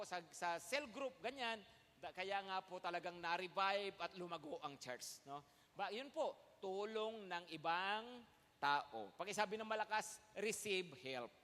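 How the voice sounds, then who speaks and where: The man preaching here is a pastor whose high voice has a sharp tone. He is emphatic, alternating Tagalog and English and calling "Amen?" out to the congregation, while the large church hall adds long reverb.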